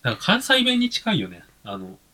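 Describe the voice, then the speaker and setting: A man co-hosting a podcast in relaxed casual chat, laughing often. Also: sits high, brisk. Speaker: podcast co-host.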